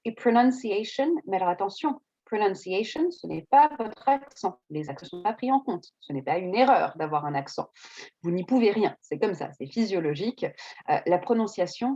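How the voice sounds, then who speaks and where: A woman teacher explains exam steps in a calm, reassuring, conversational way, pausing on fillers. Her voice sits low and mellow. The sound is dry and slightly dull. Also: slightly rough, no echo. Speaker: English teacher.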